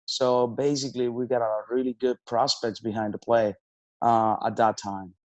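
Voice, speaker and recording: A man, a baseball manager answering interview questions in halting speech, with many restarts and fillers. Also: mid-range voice, flat delivery, no room sound. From Venezuela. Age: 30s.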